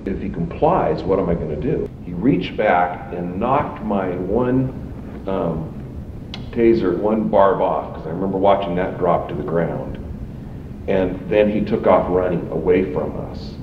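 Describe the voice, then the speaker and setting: A man, a police officer, giving halting recorded testimony and often repeating himself. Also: deep voice, expressive. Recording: roomy, distant, muffled, noisy archive tape.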